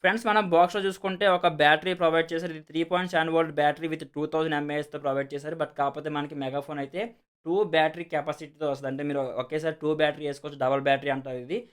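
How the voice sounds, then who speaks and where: A man with a Telugu accent races through his lines in a fairly high, slightly bright, clear and resonant voice with little pitch movement. He casually explains and demonstrates a product as a video host, repeating himself and using many English words.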